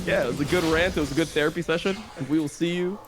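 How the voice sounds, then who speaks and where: Podcast host, man, slightly high voice, relaxed, lots of fillers. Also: rapid-fire, music in the background. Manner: relaxed, filler-heavy, wrapping up. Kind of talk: casual podcast chat.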